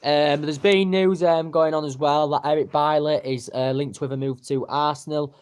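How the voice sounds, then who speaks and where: A man's voice: on the high side, fairly even intonation, moderate pace, a little mellow, clean tone. A man giving casual, rambling football transfer commentary, full of fillers and repeated words. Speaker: football transfer news vlogger.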